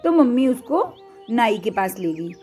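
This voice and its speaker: A young woman storyteller narrating a tale for children, slow, clear and expressive. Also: on the high side, faint music behind.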